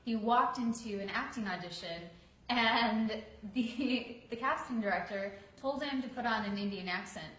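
A woman's voice: on the high side, moderate pace, a bit bright. Woman, interview guest, candid, chatty storyteller, echoey room. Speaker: guest actress. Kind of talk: casual interview chat.

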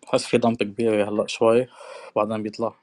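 A man's voice: lowish voice, flat delivery, fast, darkish tone. A man with a Levantine Arabic accent talking casually about markets with another person.

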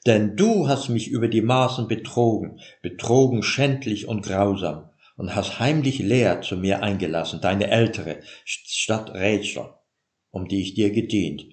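A man voicing an agitated, deceived young bridegroom who shouts in anguish. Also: lowish voice, unhurried, lightly acted. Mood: outraged. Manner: loud, anguished, outraged. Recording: roomy echo.

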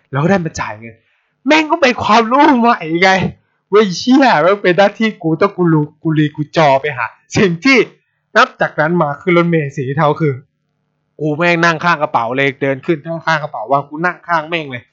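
A man's voice: a little high, brisk. A man from Thailand, a podcast host telling stories in blunt, casual chat full of swearing. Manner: blunt, swears a lot, animated. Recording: dull lo-fi sound.

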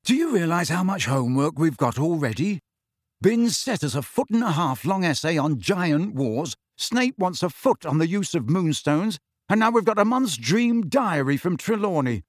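A man's voice: a little high, big pitch swings, normal speed, dry recording, studio quality, voice pushed up. A man doing a grumbling teenage schoolboy. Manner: complaining, whiny.

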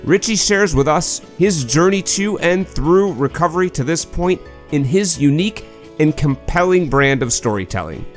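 A man's voice: fairly high pitch, expressive, moderate pace, soft background music. A man hosting a recovery podcast, reading an enthusiastic scripted introduction. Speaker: podcast host. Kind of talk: scripted intro then interview.

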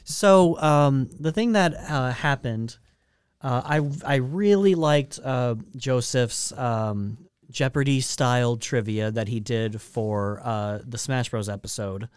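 A man's voice: mid-range voice, takes it slowly, clean tone, no room sound. A man hosting a casual podcast chat, explaining a trivia game with lots of ums and uhs. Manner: rambling, many ums and uhs. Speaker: podcast host running trivia.

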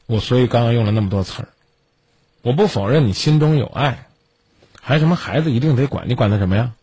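A man's voice: mid-range voice, expressive, quick pace, mellow, slightly rough, no echo. A man hosting a radio call-in advice show, scolding a caller in a stern lecture full of pointed questions.

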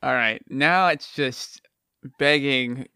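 A man co-hosting a casual podcast, jokey and playful, thinking out loud. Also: mid-range voice, slow, clear, resonant tone, dry recording, studio quality. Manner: jokey, playful, overthinks aloud. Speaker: podcast co-host.

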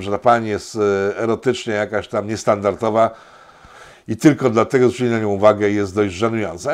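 A man delivers a sardonic commentary monologue as host of his own show. His delivery is mocking and rambling, full of hesitant fillers, at a middling pitch for a man.

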